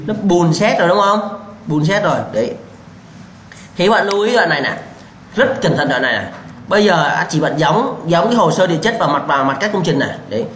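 Young guy teaching, high voice, keeps asking the class then answering himself, kinda blunt, echoey room. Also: lively intonation, brisk, a bit bright. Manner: quizzing students with rhetorical questions, repeating answers; blunt, scolding warnings. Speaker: civil engineering lecturer. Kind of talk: lecture to students. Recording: echoey room with faint background hum.

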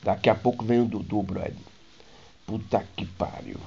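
A man telling a comic story in slangy, profane, animated speech. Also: fairly low pitch, normal speed, creaky, soft background music. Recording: dull lo-fi recording.

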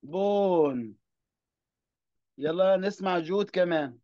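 A man's voice: sits high, slow pace, dry recording, lo-fi sound. A man with an Egyptian Arabic accent teaching children English phonics, patiently drilling them one word at a time. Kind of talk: classroom phonics lesson.

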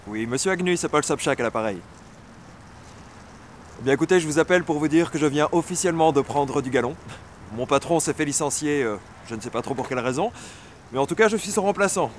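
An actor playing an ambitious young male employee, talking on the phone in a smooth, self-satisfied way. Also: fairly high pitch, animated, a little fast, a little hiss or hum, lightly acted. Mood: smug.

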